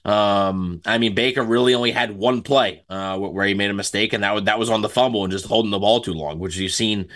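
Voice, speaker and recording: Man, sports podcast co-host, fairly low voice, casual analysis, halting and conversational. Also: steady tone, fairly bright tone. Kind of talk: casual post-game analysis chat.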